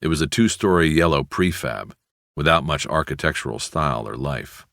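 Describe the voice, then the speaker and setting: Male audiobook narrator, exceptionally low voice, measured delivery, dry studio sound. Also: creaky, no room sound. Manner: measured, even storytelling.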